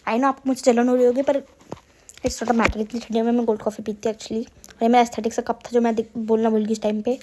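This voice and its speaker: Young woman, sore throat, high-ish voice, playful self-mocking vlog voice-over. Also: flat delivery, fast talker, background noise. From Uttarakhand hills, India. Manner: chatty, self-mocking, addresses viewers as guys. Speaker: vlogger. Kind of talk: casual voice-over narration.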